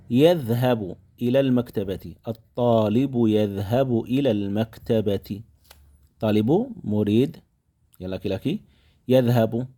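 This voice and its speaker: A man's voice: medium pitch, mellow. A man teaching a language lesson, patiently repeating words and explaining them to his viewers. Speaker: Arabic teacher.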